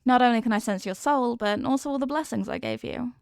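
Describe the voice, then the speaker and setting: A woman voices an affectionate headless horsewoman girlfriend, her fairly high voice recorded dry and close. Centuries old but sheepish and klutzy, she explains herself in gentle, affectionate rambles like an intimate ASMR roleplay, delivered briskly and smoothly with light acting.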